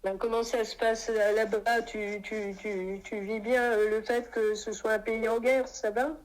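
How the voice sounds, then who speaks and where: A woman's voice: fairly high pitch, little pitch movement, a little slow, low-quality recording. An older woman from France, a grandmother chatting on the phone, fussy and affectionate and repeating herself. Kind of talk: casual phone chat.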